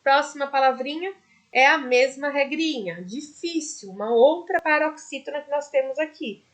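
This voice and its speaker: A woman's voice: high-pitched, moderate pace, a bit bright. A woman teaching a primary school class in a recorded video lesson, with a Brazilian Portuguese accent, patiently explaining each step.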